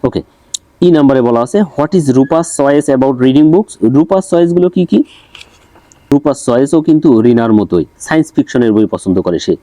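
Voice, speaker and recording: A man with a Bengali accent teaching an English textbook lesson, reading English lines slowly and then explaining them. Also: mid-range voice, expressive, warm tone, no room sound.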